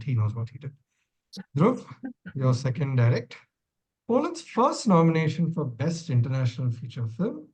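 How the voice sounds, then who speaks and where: A man's voice: medium pitch, warm tone, dull audio. A man acting as quizmaster, reading long questions and adding dry, wry asides.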